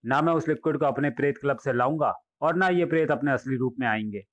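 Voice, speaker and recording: A man's voice: medium pitch, fast talker, no room sound, muffled recording, natural voice. A man voicing a scheming male mad scientist villain who talks in a gloating way.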